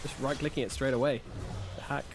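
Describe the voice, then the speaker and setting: A man casting an esports match, jokey and given to loud bursts of excitement. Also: medium pitch, a little fast, soft background music. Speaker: esports caster. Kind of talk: play-by-play commentary.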